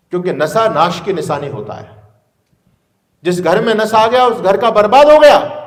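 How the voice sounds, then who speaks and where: A man giving a preachy, rhetorical moral lecture to students. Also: high-pitched. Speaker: speaker addressing students.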